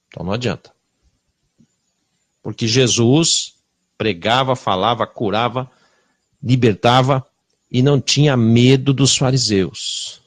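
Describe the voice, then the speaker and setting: A man preaching a sermon with a Brazilian Portuguese accent, confrontational and full of rhetorical questions, swinging between loud bursts and hushed asides. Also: mid-range voice, no echo.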